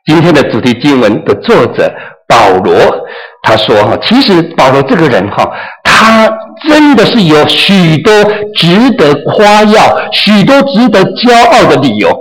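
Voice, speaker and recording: A man's voice: fairly high pitch, very animated, unhurried, fairly bright tone, poor audio. A man preaching a sermon as pastor, emphatic, sometimes acting out quotes and mixing in English phrases. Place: church in New Zealand.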